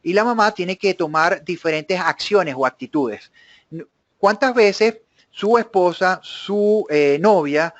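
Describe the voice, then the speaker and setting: Man, high voice, teaching webinar, muffled lo-fi sound, dry. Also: no echo. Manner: explains with homely family examples, checks in with questions. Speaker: instructor. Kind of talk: live online workshop lesson. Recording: dry, dull lo-fi webinar audio.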